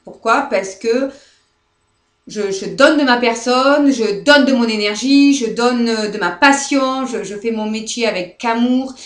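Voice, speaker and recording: A French woman therapist guiding viewers through releasing anger, speaking softly and hesitantly, often asking "d'accord?" and near tears. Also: fairly high pitch, a little slow. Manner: soft, repetitive, often checks with "d'accord?"; hesitant, many fillers and restarts. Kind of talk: live guided demonstration. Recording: echoey room.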